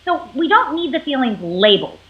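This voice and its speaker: A woman psychologist explaining parenting as an interview guest, animated and acting out what parents and children say. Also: high-pitched, brisk. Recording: tinny phone-like line.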